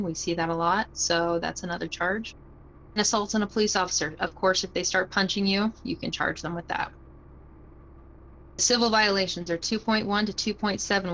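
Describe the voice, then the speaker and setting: A woman's voice: mid-range voice, fairly bright tone, dull audio, a little hiss or hum. A young woman casually explaining roleplay police charges on a livestream, chatting to viewers and laughing easily.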